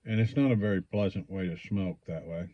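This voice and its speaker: Man, lower-pitched voice, casual reviewer, unhurried, hesitant, thinking aloud. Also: dry recording, dull audio. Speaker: pipe tobacco reviewer. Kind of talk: casual rambling product review to camera.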